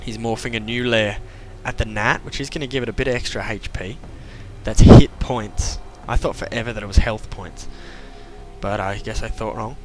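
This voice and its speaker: A young man casting a strategy game match play-by-play, chatty and self-mocking with quick asides. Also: on the low side. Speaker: esports caster. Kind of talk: play-by-play commentary.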